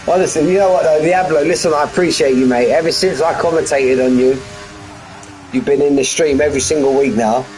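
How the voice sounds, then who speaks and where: A man's voice: on the high side, moderate pace, a little mellow, faint music behind, rough recording. A man giving live race commentary on a stream from his front room at home, chatty and full of banter with his viewers. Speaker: sim racing commentator.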